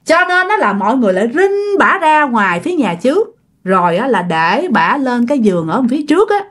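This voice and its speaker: A woman's voice: fairly high pitch, fairly quick. A woman with a Southern Vietnamese accent telling a ghost story casually, acting out the characters' voices. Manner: lively, acts out the characters' voices.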